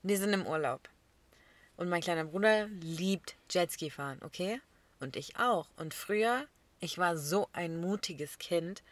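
A woman, chatting casually as a podcast co-host and telling animated stories with lots of laughter. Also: fairly low pitch, unhurried, no room sound. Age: 20s. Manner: animated storytelling, laughs often. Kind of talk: casual chat.

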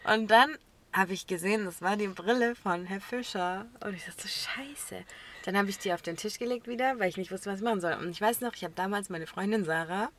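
A woman co-hosting a podcast, telling an animated story in casual chat, laughing often and acting out what people said. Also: medium pitch, a little fast, a little hiss or hum. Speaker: podcast co-host.

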